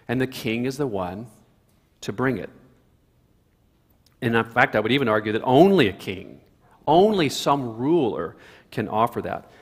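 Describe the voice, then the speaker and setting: A man's voice: medium pitch, expressive, a little slow, pauses often. A man preaching a sermon, earnestly explaining scripture and reading passages aloud with rising emphasis. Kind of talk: sermon on a psalm. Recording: long hall reverb.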